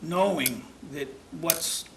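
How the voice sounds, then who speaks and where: Speaking slowly in a gravelly, higher-pitched voice, this man runs a town commission meeting. He rambles in a plain, folksy manner through his public remarks, and the public-access recording is noisy.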